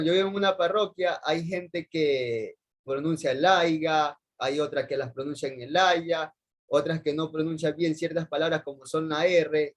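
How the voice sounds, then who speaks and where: Young ecuadorian guy presenting in class, kinda high voice, lots of uhs and repeats himself. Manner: rambling, repeats stock phrases with many hesitations. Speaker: university student presenting. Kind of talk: class presentation over video call.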